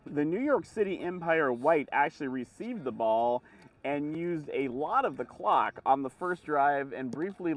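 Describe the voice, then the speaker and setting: A man's voice: mid-range voice, far from the mic. A man giving explanatory live sports commentary in long, running sentences. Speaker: color commentator.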